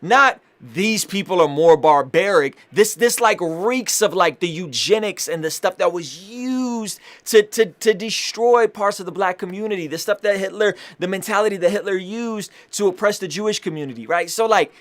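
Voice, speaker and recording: A man's voice: high-pitched, normal speed, hardly any pauses, fairly bright tone. A young man giving impassioned commentary to his audience, restarting phrases and using casual slang like "fam" and "bro". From Armenian family. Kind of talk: direct-to-camera commentary.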